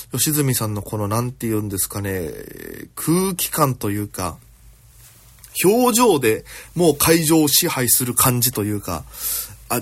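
A male comedian hosting his own podcast, telling a rambling story alone with plenty of fillers, recorded at home. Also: mid-range voice. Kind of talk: solo storytelling chat.

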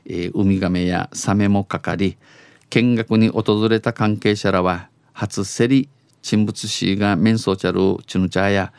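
Here a man with an Okinawan accent handles a dialect news segment, giving each phrase in standard Japanese and in Okinawan dialect in turn and often going back over lines. His voice is fairly low and a little mellow, captured in a dry recording.

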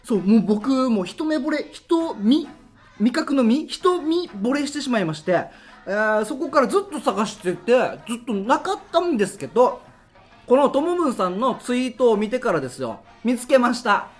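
A man, hosting a local radio show and telling stories in a casual, animated way with lots of sound effects and acted-out voices. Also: very high voice, normal speed, faint music behind. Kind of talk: casual storytelling monologue.

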